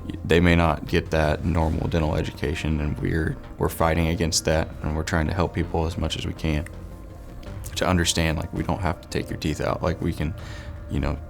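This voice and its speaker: A man from Southwest Missouri chatting in a relaxed way about dental care in an interview, with many fillers. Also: very deep voice, fairly quick, gravelly. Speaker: dental worker, scholarship nominee. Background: soft background music.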